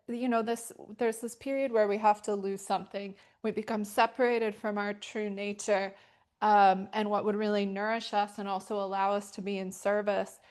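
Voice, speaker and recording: A middle-aged woman teaching a yoga class and telling stories, talking casually and rambling with many fillers. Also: mid-range voice. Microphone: wearing a microphone.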